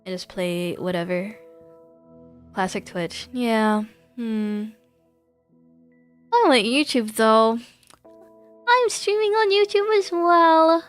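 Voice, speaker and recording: This live streamer is a woman chatting casually and giggly on a gaming stream, rambling along over background music. Her voice is a little high with lively intonation, slow, and broken by long pauses.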